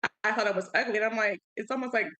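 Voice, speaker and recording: A young woman co-hosting a podcast, talking candidly in relaxed slangy chat and laughing often. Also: mid-range voice, racing, poor audio. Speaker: podcast co-host. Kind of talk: casual chat.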